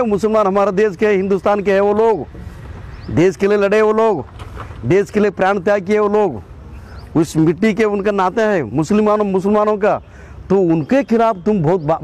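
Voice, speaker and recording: Pitched high with a slight mellowness, he speaks Hindi with a Karnataka accent. As an activist and an organisation's state president, he makes a fiery, combative statement and keeps coming back to the same phrases.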